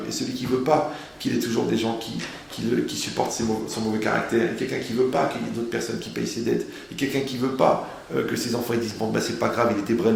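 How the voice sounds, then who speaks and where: A man with a gravelly, creaky voice delivers a lively sermon with rhetorical questions and wordplay. The recording is very echoey, with a faint hum of background noise. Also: lowish voice. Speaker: rabbi giving a Torah lesson.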